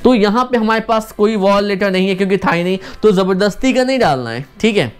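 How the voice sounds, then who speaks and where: A woman teaching English pronunciation in an online lesson, explaining in Hindi and slowly stretching out words to show their syllables. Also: mid-range voice, lively intonation, smooth. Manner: patient, repeats examples, counts down for guesses.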